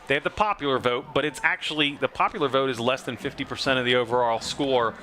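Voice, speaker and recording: A man doing play-by-play for a high school football broadcast, conversational with frequent fillers. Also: fast, bright, forceful tone, slight background noise. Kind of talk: local sports commentary.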